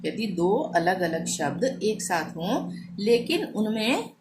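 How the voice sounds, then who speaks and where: A woman teaching a language lesson, explaining pronunciation rules patiently and repeating each example slowly. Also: medium pitch, sing-song, a little hiss or hum.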